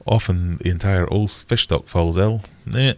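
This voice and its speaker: A man's voice: low-pitched, normal speed, no echo. A middle-aged British man with a congested, nasal voice chatting casually on a livestream, rambling in a blunt, wry way. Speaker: livestream host answering viewer questions.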